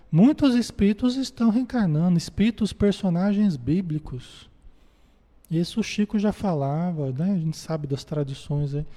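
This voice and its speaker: A Brazilian man with a somewhat high yet very dark, mellow voice reads passages aloud and then talks them over with his listeners. He keeps tagging his phrases with a questioning "right?" and speaks to the group directly. His voice carries a long, lingering reverb. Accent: Brazilian Portuguese. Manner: conversational, ends most phrases with a questioning tag. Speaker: Spiritist study leader. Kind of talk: reading a book aloud and commenting on it.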